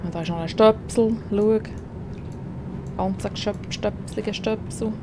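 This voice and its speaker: A woman's voice: mid-range voice, fairly even intonation, measured pace, background noise. A woman with a Swiss German accent commentating a video game, chatty and swearing at the character on screen. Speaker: gaming streamer. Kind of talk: let's play commentary.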